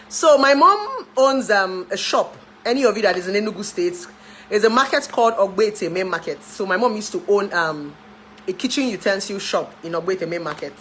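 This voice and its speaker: Nigerian woman, 30s, relationship therapist, chatty livestream, mid pitch, faint hum behind. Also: poor audio. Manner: chatty, laughs often, dips into pidgin. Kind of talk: casual chat to camera.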